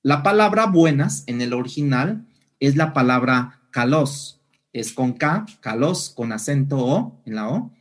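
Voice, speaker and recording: A man's voice: mid-range voice, animated, unhurried. A man preaching a sermon, explaining scripture and asking the congregation questions. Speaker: pastor.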